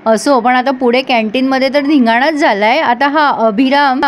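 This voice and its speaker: A woman's voice: high voice, normal speed, a little hiss or hum. A woman, retelling a serial episode in casual narration and reading the characters' lines in her own voice. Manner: retells scenes and reads characters' lines in her own voice, laughs now and then.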